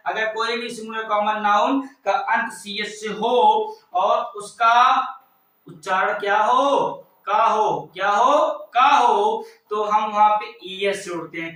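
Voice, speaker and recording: High-pitched, slow man teaching grammar. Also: pushed and bright. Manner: drills with repeated call-and-response questions; mixes Hindi and English. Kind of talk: classroom-style lesson at a board. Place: classroom with a board. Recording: echoey room, mic set far off.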